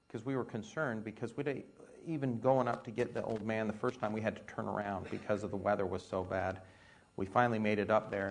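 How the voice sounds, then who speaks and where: An American military pilot tells stories in an informal talk, speaking in a lowish voice with a conversational, halting style full of asides.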